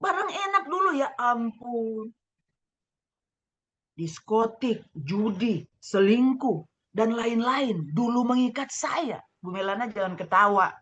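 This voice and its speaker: A middle-aged woman pastor from Manado with a Manado Indonesian accent, preaching a sermon over a video call, fervent and swinging between loud exclaiming and hushed asides. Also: on the high side, sing-song, unhurried. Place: home room, husband preaching next door.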